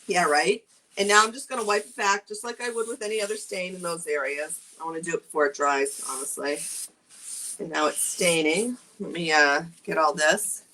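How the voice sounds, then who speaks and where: Bright, chatty New England woman. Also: lowish voice, rough recording. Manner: chatty, reads viewer comments aloud. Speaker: furniture painting instructor. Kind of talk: casual live craft demo.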